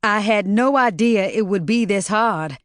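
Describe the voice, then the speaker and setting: A woman's voice: mid-range voice, measured pace, no echo, studio quality, pitched above the performer's own voice, lightly acted. A woman narrator voicing a shaken young woman care worker who whimpers and stammers. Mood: distraught.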